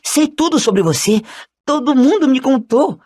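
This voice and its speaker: A man voicing an eager, excitable young schoolboy fan in an audiobook, gushing out question after question. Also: very high-pitched, slightly rough, voice pushed up, heavily acted. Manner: breathless, gushing, rapid questions. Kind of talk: audiobook character voice.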